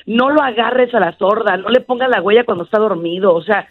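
A woman's voice: medium pitch, fairly quick, narrow, tinny audio. A Mexican woman, a psychologist guest on a radio show, giving firm, preachy relationship advice in casual talk. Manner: firm, preachy advice addressing listeners as "señores".

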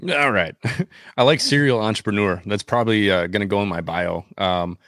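Male guest, low voice, easygoing and matter-of-fact. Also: normal speed, fairly bright tone, no echo, clean studio sound. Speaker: podcast guest, veteran entrepreneur. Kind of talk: casual interview.

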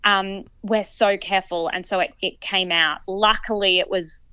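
A woman's voice: medium pitch, fairly even intonation, normal speed, pushed and bright, clear, resonant tone, no room sound, muffled recording. A woman co-hosting a podcast in casual chat, telling stories earnestly and with energy. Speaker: podcast co-host.

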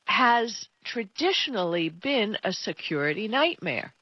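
A woman hosts a casual tech talk show with plenty of opinion. Her voice sits at a medium pitch and she leans on her points. The sound is very dry and a little dull, as on a lo-fi recording. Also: very animated, unhurried, breathy edge, no echo. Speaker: tech radio co-host.

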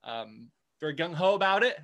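A man's voice: on the high side, animated, normal speed, fairly bright tone. A man as a guest in a casual interview, hesitant and full of restarts. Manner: hesitant, many restarts and fillers.

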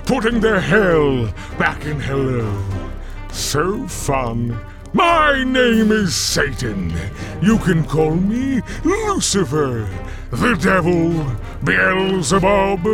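A man's voice: on the high side, sing-song, extremely slow, music in the background, heavily acted. A man playing a chatty, theatrical Satan who hosts hell with gleeful mock courtesy in a comedic audio drama. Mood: campy glee. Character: campy, chatty Satan as bureaucratic host of hell.

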